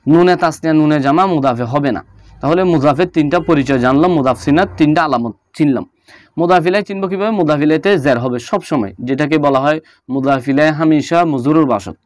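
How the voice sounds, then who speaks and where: A man explains a grammar lesson, repeating each example slowly with small fillers between points. His voice sits a little high for a man and sounds close and dry, with no room behind it. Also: no room sound. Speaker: Arabic grammar teacher. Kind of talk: explaining on-screen notes in a lesson.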